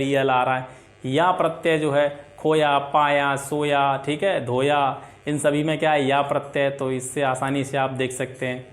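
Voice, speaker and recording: A man teaching a Hindi grammar lesson for exam preparation, listing example words and asking and answering his own questions. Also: a little high. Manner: often adds filler checks like "theek hai".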